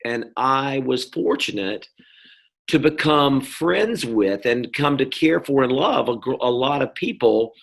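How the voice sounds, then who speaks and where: A man's voice: medium pitch, lively intonation, measured pace, creaky. A middle-aged man from North Carolina, talking as an interview guest in a rambling, casual way, with many fillers and restarts. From North Carolina, US South. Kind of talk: casual conversation.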